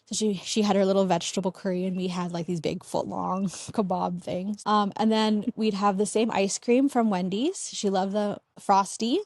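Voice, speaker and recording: A woman's voice: mid-range voice, fairly even intonation, moderate pace, hardly any pauses, a little mellow, dry recording. A young woman speaks in a loose, chatty way, recounting family memories as an interview guest. Her talk is full of "like" fillers and restarts. The recording is dry and close, with no room sound. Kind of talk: casual storytelling interview.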